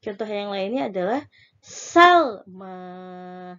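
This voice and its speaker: A woman with an Indonesian accent teaching a spelling lesson, slowly dictating and drawing out example words syllable by syllable. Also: mid-range voice, expressive, muffled recording.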